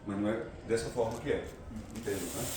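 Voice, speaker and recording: A man's voice: on the low side, quick pace. Tired man lecturing in an echoey classroom. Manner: constant filler "no caso", calls for audience answers. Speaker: recruiter speaking to students. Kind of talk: motivational talk to a class. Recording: very echoey room, distant mic, background noise.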